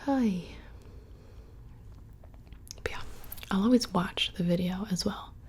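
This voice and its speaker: A woman's voice: medium pitch, takes it slowly, slight background noise. Whispering young woman, close mic. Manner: soft unvoiced whisper, casual and rambling. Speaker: ASMR creator. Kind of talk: whispered ASMR Q&A. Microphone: close studio microphone.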